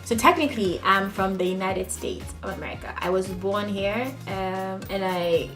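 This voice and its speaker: A young woman raised in Ghana talks casually to a camera on her table, answering tag questions. She speaks straight to her viewers with laughing asides and a relaxed, friendly ease. Faint music plays behind her. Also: mid-range voice, moderate pace. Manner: chatty, laughing asides, addresses viewers as guys. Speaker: vlogger.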